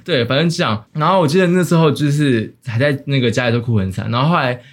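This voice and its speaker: A young man with a Taiwanese Mandarin accent, co-hosting a casual podcast chat, rambling with many restarts and quick laughs. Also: medium pitch. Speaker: podcast co-host.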